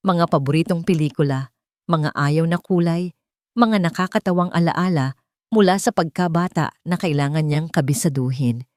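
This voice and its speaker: At a normal speed and with a slightly mellow tone, a woman narrates a scripted romance story, recorded in clean studio quality with no echo. She voices all the characters herself, changing her pitch for their quoted lines.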